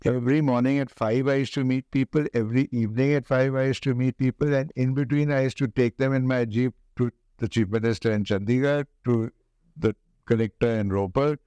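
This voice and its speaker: An older man with an educated upper-class Indian accent, answering interview questions in a deliberate, emphatic way and repeating phrases for stress. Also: medium pitch, fairly even intonation, warm tone, clean tone, no room sound, lo-fi sound.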